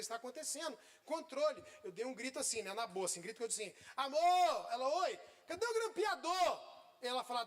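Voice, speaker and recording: A man in his fifties, a pastor preaching a sermon and telling a humorous personal story, with loud bursts and quiet asides. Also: sits high. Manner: humorous, exasperated.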